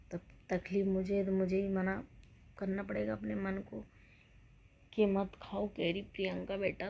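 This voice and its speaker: A woman's voice: medium pitch, gravelly, dark tone, a little hiss or hum. A woman in her thirties chatting casually to her viewers, unwell and rambling, sometimes dropping to a whisper. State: unwell with joint pain. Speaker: vlogger. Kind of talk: casual vlog chat.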